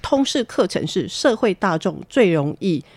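A woman's voice: lowish voice, big pitch swings, normal speed, a little mellow, husky, no echo. A woman guest explaining university teaching work in conversation, with frequent hesitation fillers.

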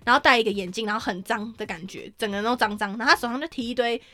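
Taiwanese lady on a podcast, talks super fast, kinda high voice, swears a lot, acts everything out. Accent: Taiwanese Mandarin. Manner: animated, swears often, acts out quotes. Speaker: podcast co-host. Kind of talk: casual storytelling chat.

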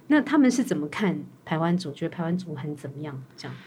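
A woman podcast host from Taiwan's Atayal community, who asks questions and adds frequent soft acknowledgments. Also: low-pitched, sing-song, fast, slight background noise. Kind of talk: interview hosting.

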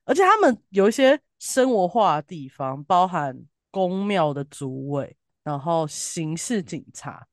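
A woman co-host speaks in a casual, opinionated way with a southern Taiwanese Mandarin accent. Her slightly low voice swings widely in pitch as she makes blunt, emphatic points, and it sounds close and dry. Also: sing-song, a little slow, hardly any pauses, no room sound. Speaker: podcast co-host reviewing TV drama.

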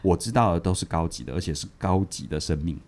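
A man voicing a reclusive, secretive woman teacher in quiet, dismissive quotes. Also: deep voice, expressive, quick pace, pitched below the performer's own voice.

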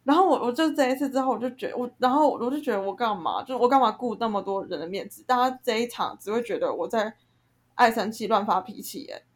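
A woman's voice: on the high side, fast talker. A young woman, co-hosting a casual chat and ranting heatedly about a group conflict. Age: young adult. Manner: heated, ranting, animated storytelling. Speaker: podcast co-host.

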